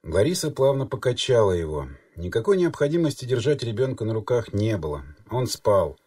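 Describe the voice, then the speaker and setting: A man reading an audiobook in measured, even storytelling narration. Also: mid-range voice, no echo, clean studio sound, recorded from a distance. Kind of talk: scripted narration.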